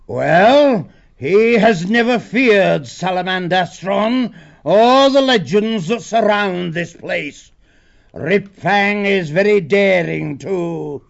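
A man voicing a huge, fierce old male badger lord who speaks slowly and gravely. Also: expressive, heavily acted. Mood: stately. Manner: slow, booming and grave. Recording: dull lo-fi audiobook recording.

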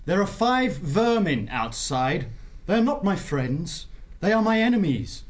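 A calm, reasonable otter warrior, played by a male narrator, raised in pitch with a lively rise and fall. He speaks plainly and evenly, a figure from an animal storybook. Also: a little slow. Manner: level, reasonable.

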